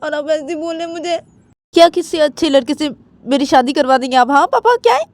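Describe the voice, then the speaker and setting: A woman's voice: high-pitched, fairly quick, dry recording, pitched above the performer's own voice. A woman voicing a college-age daughter who pleads with her father, repeating "papa" over and over in an amateur spoken story. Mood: defiant. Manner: repetitive, pleading with many "papa"s.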